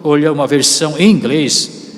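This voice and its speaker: Pastor preaching in a reverberant church. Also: male voice, on the high side. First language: Korean. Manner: rises loud and slows down for emphasis. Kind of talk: sermon. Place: church sanctuary. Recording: long hall reverb.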